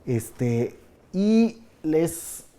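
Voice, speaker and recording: A man hosting a studio panel, animated and questioning, with frequent fillers. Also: a little high, very slow. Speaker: talk show host.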